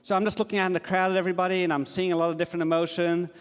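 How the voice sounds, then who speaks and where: A man's voice: high-pitched, level tone, racing, clear, resonant tone. A middle-aged man giving a casual, enthusiastic conference talk, with plenty of fillers. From Australia. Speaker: conference speaker. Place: large conference hall. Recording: long hall reverb.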